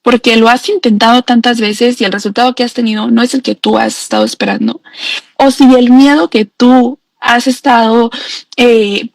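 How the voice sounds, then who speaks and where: A woman's voice: a little high, gravelly, darkish tone, dry recording. A young woman, a personal growth coach telling a heartfelt personal story straight to the viewer in an earnest, intimate way. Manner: earnest and intimate, addresses the listener directly.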